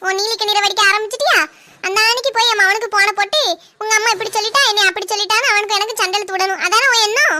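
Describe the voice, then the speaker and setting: A woman voicing a sharp-tongued, nagging older mother-in-law in a cartoon, speaking with an in a sarcastic, scolding way. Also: very high-pitched, very fast, full character voice. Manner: sarcastic, scolding, fake-wailing.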